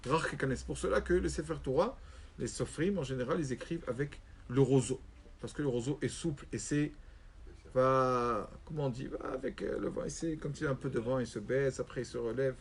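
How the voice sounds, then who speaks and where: A rabbi telling a story in a religious lesson, animated and acting out quoted voices. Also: male voice, mid-range voice, brisk, gravelly, breathy edge.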